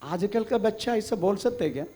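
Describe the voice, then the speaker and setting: A man's voice: sits high, animated, brisk, warm tone. A man preaching a sermon in Hindi, mixing in English phrases and often calling out "praise the Lord" and "amen". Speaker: pastor.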